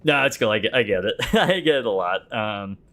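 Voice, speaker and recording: A man's voice: fairly low pitch, expressive, brisk, fairly bright tone. A man in his thirties chatting casually while streaming a game, rambling, muttering to himself, laughing and swearing now and then. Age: 30s. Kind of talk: casual livestream chat while playing.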